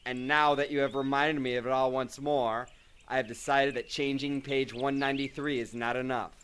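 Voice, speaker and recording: A man's voice: medium pitch, level tone, normal speed, fairly bright tone, a little hiss or hum. A man narrating and playing the lead in an amateur comedy audio drama, theatrical and mock-grand.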